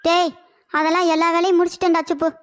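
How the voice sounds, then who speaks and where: Woman playing a whiny old henpecked husband in a cartoon, highish voice, soft music behind. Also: level tone, fast talker. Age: older. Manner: whiny, pleading, dreamy. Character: henpecked older husband, lovesick and foolish. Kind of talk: cartoon comedy voice acting.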